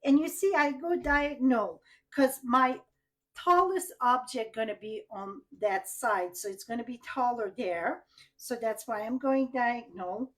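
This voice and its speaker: A woman speaks at a measured pace in a fairly high voice, her French Canadian accent showing that French is her first language. She's leading a live card-making tutorial, chatting and thinking aloud as she works and putting questions straight to her viewers.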